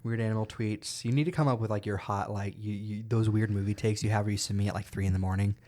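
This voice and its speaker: A man's voice: fairly low pitch, steady tone, fast, dark tone. A young man co-hosting a podcast in casual, playful chat, often stumbling and restarting. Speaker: podcast co-host.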